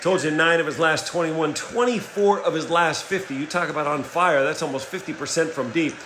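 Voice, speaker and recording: A middle-aged man calling a basketball game play by play, energetic and rising in excitement on big plays. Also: on the high side, brisk, a little hiss or hum. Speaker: play-by-play commentator. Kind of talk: play-by-play sports commentary. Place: home setup, voice-over for a replayed game.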